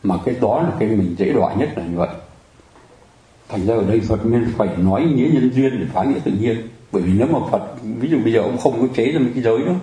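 A man's voice: mid-range voice, animated, fast, dark tone, roomy sound, low-quality recording. Man preaching. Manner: conversational, addresses the audience often, jokes and laughs. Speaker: Buddhist preacher. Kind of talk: dharma talk sermon.

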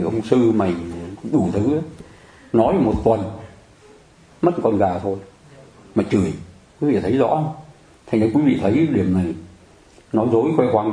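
A man's voice: on the low side, warm tone, reverberant, low-quality recording. A man giving a Buddhist sermon in a chatty way, often turning to the audience and joking. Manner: conversational, addresses the audience often, jokes and laughs. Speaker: Buddhist preacher. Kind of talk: dharma talk sermon.

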